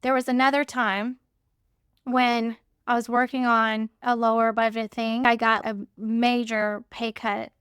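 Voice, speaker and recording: A middle-aged woman speaks frankly and emphatically, recounting her own work experiences in a candid monologue. Her voice sits fairly high and sounds smooth and resonant. The recording is dry and close, with no room sound. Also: little pitch movement, measured pace, a bit bright, no echo. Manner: frank and emphatic, speeds up when recounting events. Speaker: hair and makeup artist sharing career advice.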